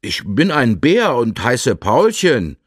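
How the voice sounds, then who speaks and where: A man voicing a chubby young bear cub in a storybook, talking slowly in a grumbling, childlike way. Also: medium pitch, huge pitch swings, husky, dry recording, studio quality, full character voice. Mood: grumpy.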